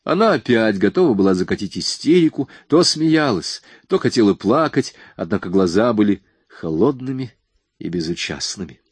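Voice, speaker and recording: A man narrating a crime novel audiobook in a measured, even reading. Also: fairly low pitch, husky, no echo.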